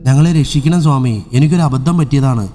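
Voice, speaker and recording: A man's voice: mid-range voice, fairly quick, close to an everyday voice. A man voicing a frightened grandfather in a horror story, pleading and crying out for help. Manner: shouting, pleading.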